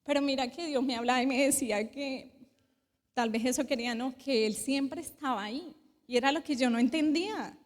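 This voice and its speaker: A woman's voice: high voice, a little fast. A woman giving a personal testimony at church, speaking hesitantly with many fillers and an emotional retelling. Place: church hall. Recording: long church hall reverb.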